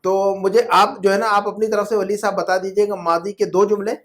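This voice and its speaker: An Arabic grammar teacher gives an online class from home, explaining in Urdu and patiently drilling his students with repetitive questions. His voice sits high, with a level and fairly bright tone.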